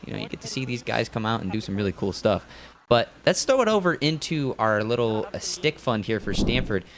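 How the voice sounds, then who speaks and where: A man in his twenties doing relaxed, chatty live commentary on a gymnastics meet, trailing off with fillers. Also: mid-range voice, background noise.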